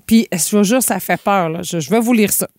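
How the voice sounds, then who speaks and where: A woman's voice: mid-range voice, a little fast, a little mellow, dry recording, studio quality. A woman with a Québécois accent, co-hosting a radio show with chatty, emphatic on-air banter. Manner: chatty, emphatic, many fillers.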